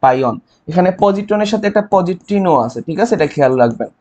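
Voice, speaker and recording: Young male tutor, high voice, Bangladeshi Bengali accent, quiz-style exam-prep delivery, constant check-ins. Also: lively intonation, fast, a little mellow, highs cut off, slight background noise. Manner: quizzing with rhetorical questions and mnemonics; frequent "ঠিক আছে?" check-ins. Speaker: chemistry tutor. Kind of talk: online exam-prep lecture.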